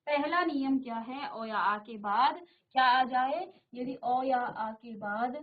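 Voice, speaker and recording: A woman's voice: high-pitched, slow pace, narrow, tinny audio, a little hiss or hum. A woman teacher giving a classroom grammar lesson, repeating terms and asking the class questions, in a virtual classroom studio.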